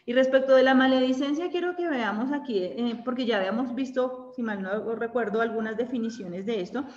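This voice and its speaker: Leading a women's Bible study, this Colombian-accented woman speaks a little fast in a somewhat high, slightly mellow voice. Her manner is conversational: she checks in with listeners often and closes points with tag questions. The sound is dull, lo-fi, and echoey.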